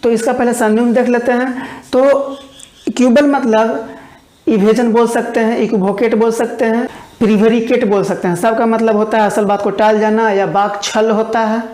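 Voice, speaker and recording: A woman teaching English vocabulary in an online exam-prep lesson, explaining each word and then dictating it slowly with repetitions. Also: fairly high pitch, steady tone, a little mellow, reverberant.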